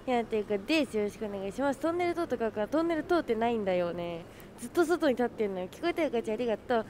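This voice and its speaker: A woman's voice: fairly high pitch, lively intonation, rapid-fire, a little mellow, a little hiss or hum. A woman live-streaming outdoors, chatting casually with her viewers and friends and laughing often. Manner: bubbly, greets chat, laughs often. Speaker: livestreamer.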